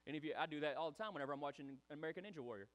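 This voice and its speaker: A man preaching a sermon, animated and chatty, acting out the voices of people in the story. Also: on the high side, racing. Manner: animated, acts out quoted voices, chatty asides. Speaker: pastor.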